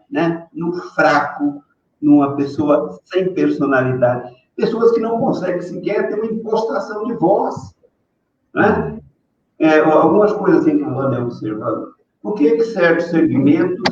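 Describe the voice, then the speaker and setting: Older male professor guest, loose rambling delivery full of fillers, slightly high-pitched, recorded far off with faint hiss. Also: darkish tone. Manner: rambling, frequent "né?" tags and filler "é". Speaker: professor guest on a live stream. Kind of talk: casual opinion talk. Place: room on a live video call. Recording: distant, echoey, dull lo-fi sound with faint noise.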